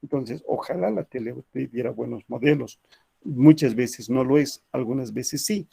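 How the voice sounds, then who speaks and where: A man's voice: mid-range voice, moderate pace, creaky, mellow, husky. A man teaching an ethics class, telling anecdotes in a chatty way with frequent tag questions.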